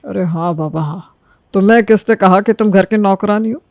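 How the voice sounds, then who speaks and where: Man voicing a gentle, placating husband. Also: high voice, moderate pace, dry recording. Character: easygoing young husband, placating his wife.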